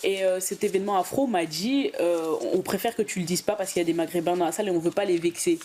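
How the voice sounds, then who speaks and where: A woman's voice: fairly low pitch, quick pace, mellow, slight background noise. A woman, a comedian guest on a talk show, speaking emphatically and repeating words as she presses her points. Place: TV studio.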